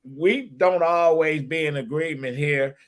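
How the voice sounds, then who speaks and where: A middle-aged man from the Detroit area of Michigan hosts a casual podcast chat, speaking a little slowly in a slightly high voice. He brags, stumbles over his words, and laughs at his own jokes.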